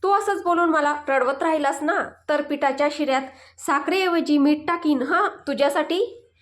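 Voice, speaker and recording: A stern but loving middle-aged mother-in-law from a storybook, read out by a woman. She scolds sharply and then softens in a high voice. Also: normal speed, lightly acted. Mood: affectionate. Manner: scolding, affectionate.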